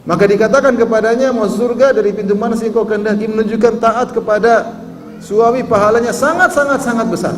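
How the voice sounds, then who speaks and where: High-voiced man preaching in an echoey hall. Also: a little fast, faint music behind. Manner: lively, teasing questions to the audience; quotes Arabic with a chanting lilt. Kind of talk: sermon to a live audience. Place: large hall. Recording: echoey hall with faint ambience.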